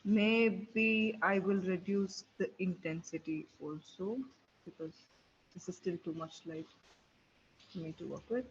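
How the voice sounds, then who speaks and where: A man with a fairly high voice walks through a software demo, thinking aloud as he works. The audio is dull and lo-fi over a computer mic, with a faint hiss underneath. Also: steady tone, measured pace. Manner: thinking aloud while clicking through a tool. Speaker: webinar presenter. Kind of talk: live software demo walkthrough.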